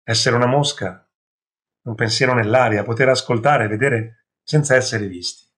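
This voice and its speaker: Male storyteller for a modern fairy tale; mid-pitched, measured, dropping wry asides. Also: fairly bright tone. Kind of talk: scripted fairy-tale narration.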